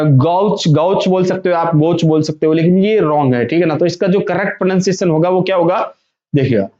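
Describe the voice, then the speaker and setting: A male vocabulary teacher, slowly spelling out and repeating words for students. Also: high-pitched, darkish tone. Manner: repetitive, drawn-out words, frequent "theek hai na". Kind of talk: classroom lesson, spelling out pronunciations. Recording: echoey room, dull lo-fi sound.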